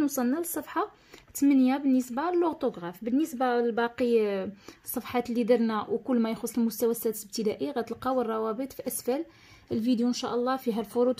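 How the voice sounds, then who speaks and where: A woman teacher with a Moroccan accent walks through a tutorial lesson with patience. Her voice sits fairly high but sounds mellow and soft-edged, and she reads instructions slowly, repeating the key terms. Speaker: schoolteacher.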